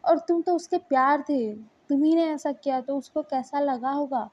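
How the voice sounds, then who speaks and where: A woman's voice: high-pitched, moderate pace, darkish tone, voice pushed up, natural voice. A woman voicing a stern mother who lectures and reproaches her son, in a muffled lo-fi recording. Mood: scolding.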